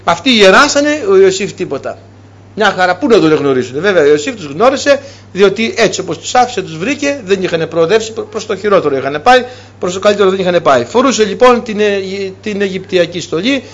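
A man preaching a sermon to his congregation, emphatic and repeating key phrases for weight. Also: sits high.

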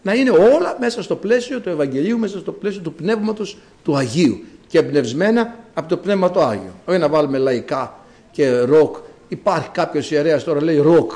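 A man preaching a sermon as a priest, with dramatic rises and drawn-out words. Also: fairly high pitch, lively intonation, darkish tone.

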